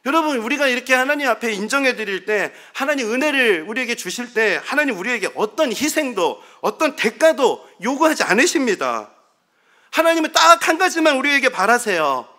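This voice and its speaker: A man's voice: very high-pitched, very animated, brisk, bright, forceful tone. A middle-aged male pastor preaching a sermon, telling humorous, self-deprecating stories to his congregation.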